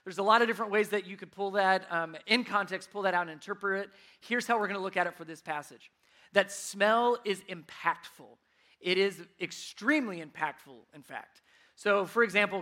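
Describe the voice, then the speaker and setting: Guy pastor in his 30s giving a sermon, high bright voice, gets animated telling stories. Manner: animated storytelling, voice rising when worked up.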